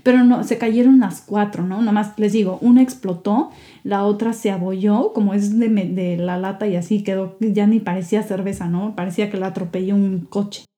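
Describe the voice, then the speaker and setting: Animated young woman telling a story. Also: moderate pace. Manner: animated, acts out quotes with rising pitch. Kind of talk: casual storytelling vlog.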